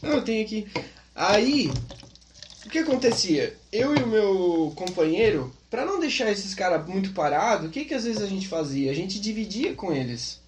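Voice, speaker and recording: A man's voice: high voice, moderate pace, reverberant, slight background noise. A man, a podcast guest, telling funny anecdotes casually and acting out the quoted people. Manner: animated, acts out quotes.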